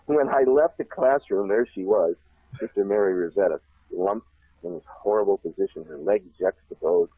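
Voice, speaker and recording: Husky low-voiced man on a phone line. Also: moderate pace, dry recording. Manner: animated, laughs often, acts out shouted voices. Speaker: guest telling a life story. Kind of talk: rambling storytelling on a talk show.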